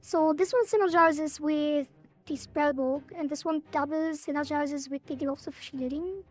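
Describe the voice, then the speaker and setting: Female gameplay commentator, high-pitched, casual, thinking out loud, faint music underneath. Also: measured pace. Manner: thinking aloud. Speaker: game streamer. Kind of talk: casual gameplay commentary, reading game text aloud.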